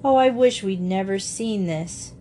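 A woman doing a gentle earnest young girl. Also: mid-range voice, a little slow, slight background noise, close to an everyday voice. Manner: soft, sobbing, earnest.

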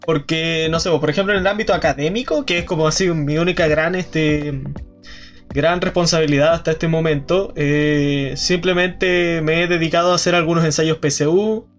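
A man's voice: a little high, fairly even intonation, moderate pace, faint music behind. A young man from southern Chile with a Chilean accent, hosting a casual podcast chat, rambling with many fillers and restarts. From Aysén region, southern Chile. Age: young adult. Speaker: podcast host, student.

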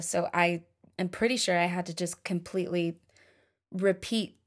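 A woman's voice: fairly low pitch, darkish tone. A young woman singer-songwriter talking casually about writing her songs, chatty and self-deprecating.

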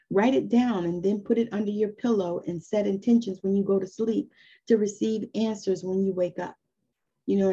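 A husky, mellow-toned woman in her fifties teaches an informal spiritual lesson, earnest and encouraging as she chats her way through it. Her voice has a gravelly texture, and the recording sounds dull and lo-fi. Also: medium pitch. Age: 50s.

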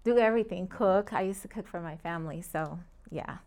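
A woman's voice: lowish voice, moderate pace, a little mellow. A middle-aged woman from Puerto Rico, a real estate agent guest talking earnestly and in detail in a casual interview, often laughing between points.

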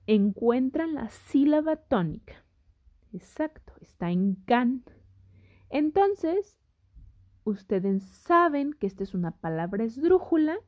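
A woman teacher giving a grammar lesson, patient and speaking straight to her students. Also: medium pitch. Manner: slow, patient, addresses students directly. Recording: dull lo-fi audio.

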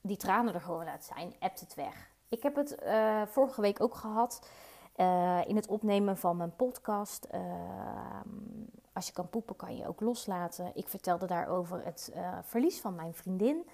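A woman's voice: fairly low pitch, animated, normal speed, creaky, dark tone. A woman hosting her own podcast, talking earnestly and personally about emotions, with fillers and repeated words. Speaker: podcast host. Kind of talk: reflective solo podcast talk. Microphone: podcast mic.

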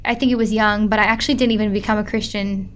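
A woman's voice: medium pitch, steady tone, fast talker, a bit bright. A young woman, chatting casually as an interview guest and filling her talk with "like". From Midwest United States. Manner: chatty, lots of filler "like".

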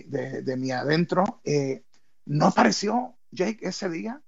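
A man, a former wrestler turned pastor, telling a personal story in a podcast interview, halting and repeating words. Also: a little high, creaky, dull audio.

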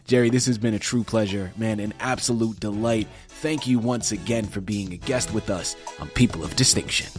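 A man's voice: lowish voice, moderate pace, few pauses, music in the background. A man hosting a podcast, talking emphatically and urging listeners directly. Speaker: podcast host. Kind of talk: enthusiastic interview host.

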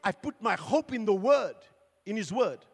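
A man preaching a sermon as a pastor, building to fervent calls and slowing down for emphatic points. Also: high-pitched, lively intonation, gravelly, slightly rough. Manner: preaching with rising fervor and slow emphatic points. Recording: long hall reverb with faint music.

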